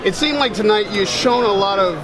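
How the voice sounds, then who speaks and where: High-voiced male interviewer amid crowd noise. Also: a little fast, over music, poor audio. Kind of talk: post-fight interview questions. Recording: loud crowd noise at public venue. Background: loud crowd.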